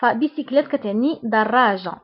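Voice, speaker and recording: A woman with a Moroccan Arabic accent teaching a beginner French lesson, patient and repeating each sound slowly. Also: on the high side, dull audio.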